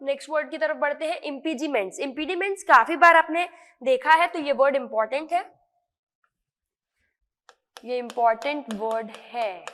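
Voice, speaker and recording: A woman's voice: high-pitched, moderate pace, pauses often, bright, forceful tone, in a large hall. A woman with an Indian accent teaching English vocabulary in an online lesson, repeating words and checking in with her students often.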